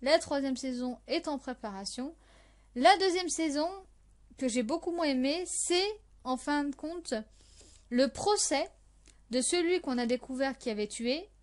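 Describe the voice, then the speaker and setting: A young woman chats casually about her favourite shows on a podcast. Her voice sits a little high, and she hesitates a lot, with many fillers and restarts. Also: a little slow. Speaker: podcast host.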